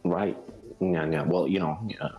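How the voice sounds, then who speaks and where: A man's voice: low-pitched, steady tone, measured pace, lo-fi sound. A man improvising dialogue in a tabletop role-playing game, awkward and hesitant, often repeating himself. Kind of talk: casual improvised role-play. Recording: music playing behind the voice.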